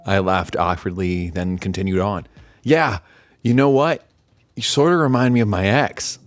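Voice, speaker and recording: A man narrating a horror story in a wry, self-deprecating storytelling manner. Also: sits low.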